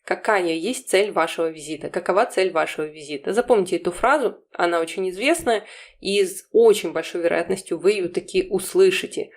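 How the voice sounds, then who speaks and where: Lower-pitched woman teaching a language lesson. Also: fairly quick. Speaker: English teacher, channel host. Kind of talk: informal explanatory language lesson.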